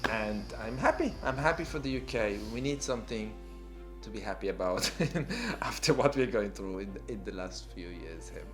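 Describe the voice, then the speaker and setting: A man co-hosting a fan channel in excited casual chat, laughing often and repeating himself. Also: lowish voice, moderate pace, over music.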